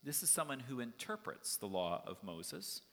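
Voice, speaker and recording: A man's voice: mid-range voice, big pitch swings, normal speed, fairly bright tone. A man preaching a sermon as pastor, speaking in a conversational storytelling way with occasional fillers. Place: church sanctuary. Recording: long church reverb.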